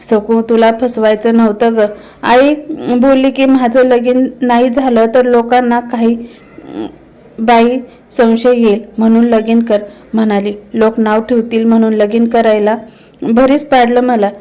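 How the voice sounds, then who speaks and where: Brief: a woman doing a shamefaced young village husband, rustic speech, smooth higher voice. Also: little pitch movement, a little slow, dark tone, natural voice, poor audio. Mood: ashamed.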